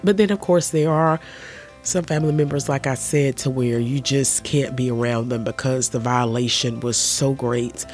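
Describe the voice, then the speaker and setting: A man's voice: mid-range voice, moderate pace, soft background music. Nasal, under-the-weather male podcast host. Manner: earnest, gentle advice-giving. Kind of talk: casual solo podcast monologue.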